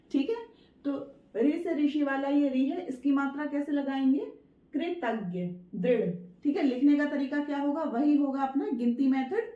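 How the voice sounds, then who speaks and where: High-voiced woman teaching, slow and patient. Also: reverberant, highs cut off. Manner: patient, repetitive, drawing out words syllable by syllable. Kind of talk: Hindi dictation lesson.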